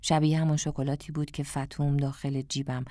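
A woman narrating an audiobook in a calm, reflective storytelling manner. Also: deep voice, no echo.

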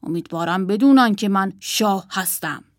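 A woman voicing a self-important bearded toy king who speaks slowly. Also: medium pitch, no echo, clean studio sound, close to an everyday voice. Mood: vain.

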